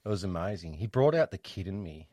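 A middle-aged man telling a personal story as an interview guest, reflective and halting, restarting his sentences often. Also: deep voice, sing-song, mellow, no room sound, studio quality.

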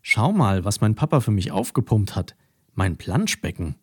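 A man voicing a cheerful little farm girl in a children's audiobook, lively and quick to scold. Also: fairly low pitch, husky, no echo, clean studio sound.

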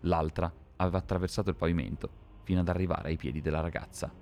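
A man reading a dark fantasy story aloud in a measured, dramatic scripted narration. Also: low-pitched, steady tone, a little hiss or hum.

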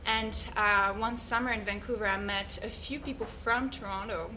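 A woman speaks as a guest in an interview. She tells her story in an earnest, thoughtful way, pausing to search for the right words. Her voice sits at a middle pitch. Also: fairly even intonation, pushed and bright, slight background noise, poor audio. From Switzerland. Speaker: guest, yoga teacher. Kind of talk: reflective personal storytelling.

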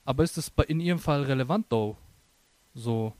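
A man's voice: mid-range voice, moderate pace, a little mellow, no echo. Joking man with a dry close sound. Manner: joking, drops English phrases. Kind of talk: casual music review chat.

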